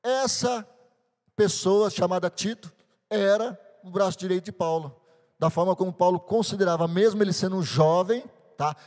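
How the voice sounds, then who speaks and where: A male pastor preaching and telling a story with lively acted-out dialogue. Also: high voice. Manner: animated storyteller, acts out the dialogue. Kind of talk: sermon with storytelling. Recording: long hall reverb.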